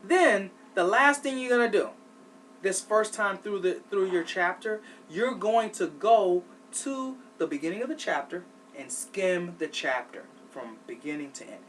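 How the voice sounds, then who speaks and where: A man's voice: high-pitched, lively intonation, unhurried, fairly bright tone. A man who teaches adult learners gives a study-skills lesson, stressing points and checking in with "okay?" after each step. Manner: emphatic, repeats "okay?" to check in. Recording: distant mic with faint background noise.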